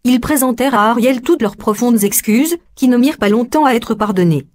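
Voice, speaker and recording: A woman narrating a story in an even, storytelling manner. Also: on the high side, brisk.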